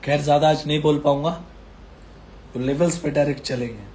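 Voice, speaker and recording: A man's voice: a little high, steady tone, fairly quick, darkish tone, slight background noise. Unwell man urging long-term buying. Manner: emphatic, repeats phrases, reassuring. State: unwell, throat strained, coughing. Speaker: stock market commentator. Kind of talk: casual market commentary video.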